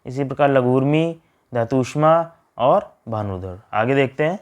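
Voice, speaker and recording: Guy teaching grammar, reads word after word then breaks each one apart, steady drill. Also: medium pitch, a little slow, dull audio. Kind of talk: grammar lesson.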